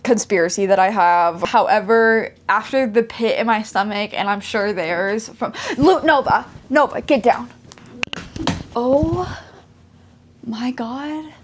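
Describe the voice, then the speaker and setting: Chatty Southern woman vlogging at home. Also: medium pitch. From American South. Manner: rambling, heavy use of "like" fillers. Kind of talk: casual chatty vlog.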